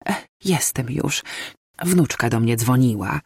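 A reader voicing an elderly woman, a gentle grandmother talking softly and fondly on the phone. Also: medium pitch, lively intonation, slow, gravelly, breathy edge, no echo, heavily acted. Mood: calm. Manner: soft, affectionate phone talk.

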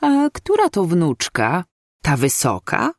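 Brief: prying, chattering old busybody, put on by the reader, high and lively. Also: takes it slowly, no room sound, clean studio sound, heavily acted. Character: nosy elderly woman, gossiping neighbour.

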